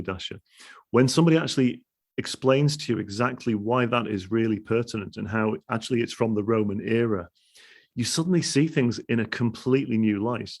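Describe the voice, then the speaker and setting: A man's voice: mid-range voice, darkish tone. A man hosting a podcast interview, talking casually with many restarts. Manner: halting, many restarts and "you know". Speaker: podcast host.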